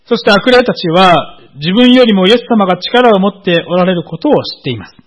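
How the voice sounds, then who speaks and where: A man preaching a sermon in a measured, explanatory way, often pausing on filler words. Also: high voice, animated, rough recording. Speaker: pastor.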